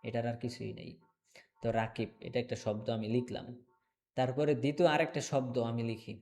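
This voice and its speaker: A man teaching English online, repeating words slowly and checking in often with his class. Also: mid-range voice, gravelly, a little mellow. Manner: slow, repetitive drilling of words, checks in with "okay?".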